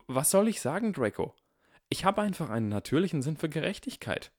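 A man's voice: fairly high pitch, very animated, fairly quick, a little mellow, no room sound, clean studio sound, voice pushed up. A man reading aloud and voicing a clever, smug boy wizard who talks in a teasing, self-assured way.

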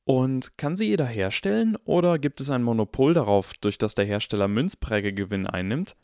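A man voicing an eager, clever boy of about eleven in an audiobook, asking quick, earnest questions. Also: medium pitch, lively intonation, a little mellow, dry recording, studio quality, voice pushed up, natural voice. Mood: inquisitive. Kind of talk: audiobook character voice.

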